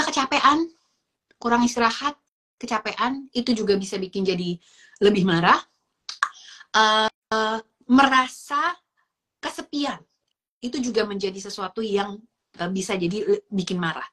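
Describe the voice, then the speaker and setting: A woman explaining child emotions in a chatty, casual way, mixing in English words. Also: a little high. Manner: lively, acts out little dialogues in shifting voices. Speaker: parenting educator.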